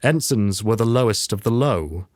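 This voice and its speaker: A male voice actor giving measured, expressive scripted narration and ad reads, recorded in a studio. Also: lowish voice, dry recording. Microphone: studio microphone.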